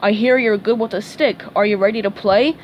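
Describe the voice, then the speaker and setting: A woman doing a gruff hockey coach. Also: medium pitch, steady tone, fairly quick, lo-fi sound, slight background noise, close to an everyday voice. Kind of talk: storybook read-aloud.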